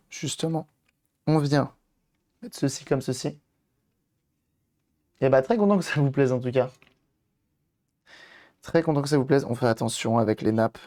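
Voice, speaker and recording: A hoarse man on a live stream, chatting casually with viewers and thinking aloud as he tinkers with electronics. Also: medium pitch, a little mellow. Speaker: streamer doing electronics modding. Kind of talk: casual live-stream chat while working.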